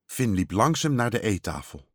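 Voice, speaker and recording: A man narrating a children's storybook with an expressive, measured read-aloud delivery. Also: lowish voice, no room sound, clean studio sound. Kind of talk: storybook reading.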